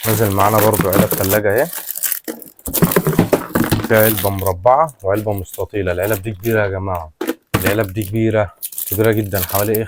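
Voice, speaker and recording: Fast-talking Egyptian man selling goods. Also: on the low side. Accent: Egyptian Arabic. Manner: repetitive, colloquial patter addressing customers. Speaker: shop seller, product presenter. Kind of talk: casual sales pitch, product walkthrough. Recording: clearly noisy, rustling and clicking handling sounds.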